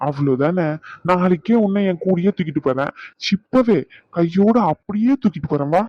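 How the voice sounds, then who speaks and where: A man's voice: high voice, lively intonation, normal speed, no echo, muffled recording. A man doing a pleading young grandson. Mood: coaxing. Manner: coaxing and pleading.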